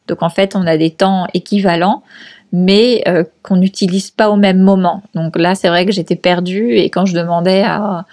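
A woman's voice: lowish voice, fairly even intonation, normal speed, darkish tone. A woman guest talking casually about learning a language, chatty, with many fillers and restarts and easy laughter. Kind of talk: casual conversational interview.

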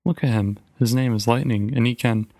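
A man's voice: medium pitch, moderate pace, mellow, dry recording, natural voice. A man voicing a stern, determined mother, reading her lines firmly and insistently in a storybook reading. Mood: coaxing. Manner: firm, clipped and insistent.

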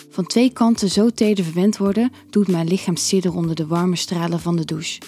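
Low, breathy woman narrating a story. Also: mellow.

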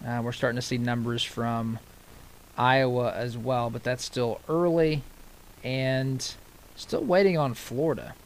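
An American man hosting live election-night radio, giving unscripted political commentary in a halting way, often repeating phrases and breaking off to read figures. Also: medium pitch, fairly even intonation, rough recording.

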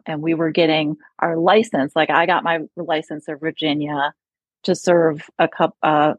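A woman's voice: low-pitched, dry recording, muffled recording. A woman with an upstate New York accent, a speech therapist chatting as a guest in an interview, laughing often and using many fillers. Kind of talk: conversational interview.

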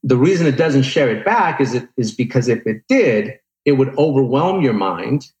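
A man's voice: medium pitch, expressive, moderate pace, darkish tone, lo-fi sound. A man in his forties speaking as an interview guest, telling motivational personal stories in an earnest, emphatic, instructive way. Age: 40s. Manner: earnest, emphatic, instructive, with rhetorical check-ins. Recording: roomy, echoing sound.

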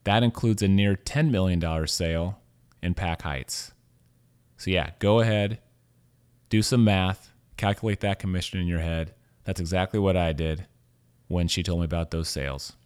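Male host, fairly low clean voice, conversational interview delivery. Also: normal speed, darkish tone, clean tone.

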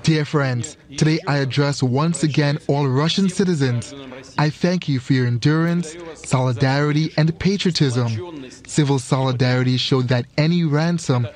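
A man speaks as a live interpreter over a broadcast speech. His delivery is formal and measured, in a somewhat raised pitch. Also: a little mellow.

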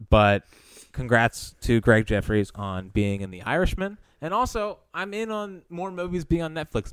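A man's voice: fairly low pitch, clear, resonant tone, no echo. A man co-hosting a casual sports podcast, teasing and playful with his co-host.

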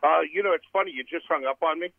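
Male radio caller, clipped phone line, fairly high voice, rambling and thinking aloud mid-sentence. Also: racing, no room sound. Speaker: caller to a sports radio show. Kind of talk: casual call-in chat.

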